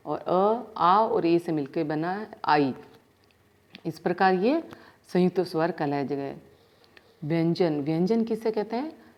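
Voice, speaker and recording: A woman's voice: on the low side, darkish tone. A woman school teacher, giving a grammar lesson and sounding out letters one by one. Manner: explains step by step, sounds out letters slowly. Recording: dull lo-fi sound.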